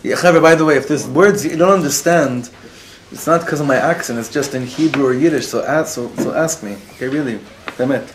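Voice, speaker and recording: A rabbi with a highish voice teaches a live class briskly to an audience in the room, sprinkling Hebrew and Yiddish words into his talk and posing questions to listeners. It's recorded for web students, with poor audio and slight background noise.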